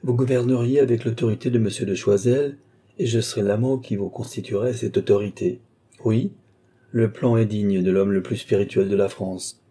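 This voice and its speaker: A man's voice: fairly low pitch, fairly even intonation, moderate pace, mellow, close to an everyday voice. A man reading an audiobook, voicing an eloquent middle-aged duke who pleads and declaims with fervour. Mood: impassioned.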